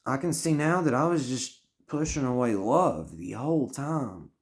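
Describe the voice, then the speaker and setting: A man's voice: medium pitch, animated, a little slow. A man in his thirties talking straight to camera, earnest and rambling, often swearing and restarting his sentences as he gives life advice. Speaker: vlogger giving life advice. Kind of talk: heartfelt personal monologue.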